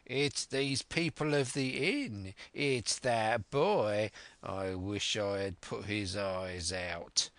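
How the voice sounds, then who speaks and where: A man voicing a blind old pirate villain in an audiobook, shouting furious orders and curses in old sailor talk. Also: medium pitch, fairly even intonation, takes it slowly, dry recording. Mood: angry, commanding.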